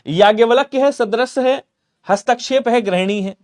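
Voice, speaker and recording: A young adult man teaching Hindi spelling for an exam-prep class, lively, quizzing students and answering for them. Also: extremely high pitch, normal speed.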